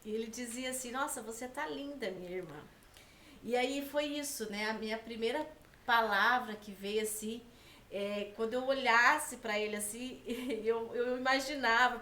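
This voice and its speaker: Brief: Brazilian woman, higher voice, heartfelt, chatty storyteller, roomy sound with faint hiss. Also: a bit bright. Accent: Brazilian Portuguese. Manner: heartfelt, tag questions often. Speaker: podcast guest. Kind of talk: personal storytelling in conversation.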